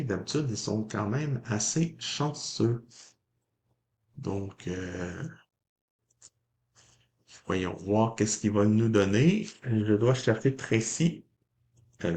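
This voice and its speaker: A Québécois man with a fairly low voice talks slowly and easily while scratching lottery tickets. He calls his viewers ladies and gentlemen and puts a little mock drama into each near miss. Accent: Québécois French. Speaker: lottery scratch-card vlogger.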